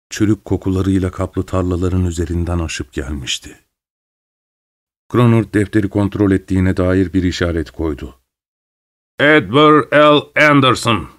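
Man, storybook narrator, calm measured reading, lowish pitch, dry close sound. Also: dry recording.

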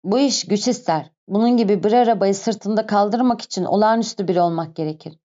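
Woman narrator as cold watchful inspector, measured storybook delivery, lo-fi audio. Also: medium pitch, warm tone, close to an everyday voice. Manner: cold, deliberate, stressing each word. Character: stern watchful male police inspector. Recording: dull lo-fi recording.

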